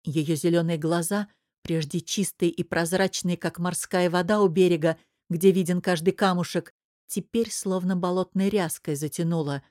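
A woman reads a novel aloud in an even, measured way, her voice set fairly low. The sound is close and dry, with no room echo. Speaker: audiobook narrator. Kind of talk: scripted narration.

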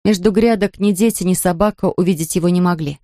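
Woman, storybook narration, expressive, dry close sound. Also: fairly low pitch, quick pace, no room sound. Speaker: audiobook narrator.

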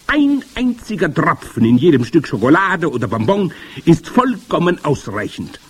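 A man voicing a commanding, evil old witch queen in a storybook reading, with shrill, gloating, theatrical speech. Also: very animated, moderate pace, slightly rough. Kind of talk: audiobook character voice.

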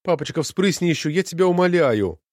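Young woman, tender and fierce, pleading voice, raised high, man reading her. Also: lively intonation, fairly quick, no room sound, studio quality. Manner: pleading, then defiant.

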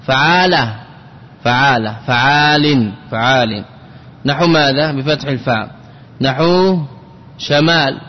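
A man's voice: medium pitch, big-room sound, muffled recording. A man, a sheikh, teaching an Arabic grammar lesson, repeating word forms and checking his students with questions.

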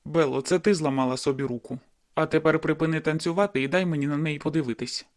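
A cocky young man in love, voiced by a woman narrator, speaking low, insistent and a little teasing. The voice sits well below her own and carries a different tone, as in a storybook reading. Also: fast talker, close to an everyday voice.

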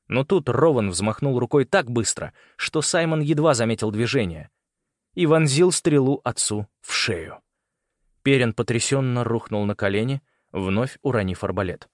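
A man narrating an audiobook in a measured, dramatic storytelling manner. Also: mid-range voice, no echo, clean studio sound. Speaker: audiobook reader.

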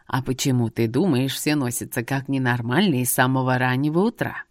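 A woman voicing a sly, teasing old male seer with a long beard who drawls slowly. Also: very deep voice, no echo, studio quality, voice pushed down.

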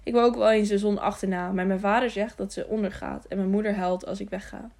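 A woman's voice: mid-range voice, steady tone, quick pace, creaky, darkish tone, close to an everyday voice. A woman voicing a lonely, simple-minded young man who asks childlike, repetitive questions. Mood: eager.

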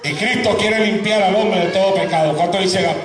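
A male pastor preaching a sermon in a large church hall, impassioned and often shouting. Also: high-pitched, fairly quick, crowd noise. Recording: echoey hall, voice from far off.

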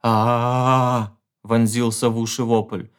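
A man reading a horror story aloud, with measured, tense storytelling and hushed pauses. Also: mid-range voice, little pitch movement, clean tone. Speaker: audiobook reader. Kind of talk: dramatic horror narration.

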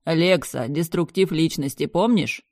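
A woman voicing an alarmed young brother who keeps shouting urgent warnings, with a dry close sound. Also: deep voice, unhurried, no echo. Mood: urgent pleading. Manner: urgent, pleading, raised voice.

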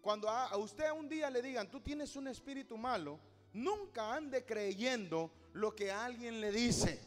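High-voiced preacher in a reverberant hall. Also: male voice, animated, a little slow, faint music behind. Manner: storytelling, rising to loud exhortation. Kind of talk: sermon.

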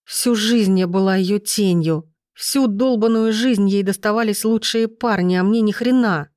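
A woman's voice: medium pitch, expressive, moderate pace, a little mellow, dry recording, clean studio sound, voice pushed up, close to an everyday voice. A woman voicing a spiteful, envious young woman. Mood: bitter whining. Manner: spiteful, whining, raised voice. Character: scheming bitter young woman, envious sister.

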